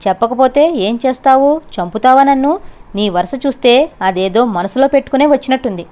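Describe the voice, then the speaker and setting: Woman reading as a bitter old man in an audiobook, spiteful, shrill and panicky. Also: lively intonation, brisk, darkish tone. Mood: scornful. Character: elderly man, frightened and spiteful.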